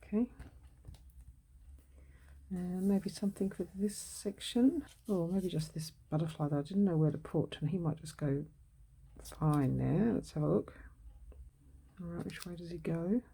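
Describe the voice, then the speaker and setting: A woman's voice: on the low side, measured pace, gravelly, pauses often, dark tone, husky. A woman talking casually as she works on a collage for her craft video, thinking aloud and changing her mind. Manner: muses aloud while working, self-correcting.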